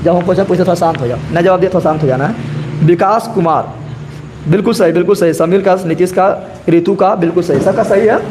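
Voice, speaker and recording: A man's voice: high-pitched, darkish tone, slight background noise. Brief: man, quiz teacher who drags out each question. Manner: drawn-out slow question reading, frequent "ठीक है ना?". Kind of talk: live group discussion quiz class.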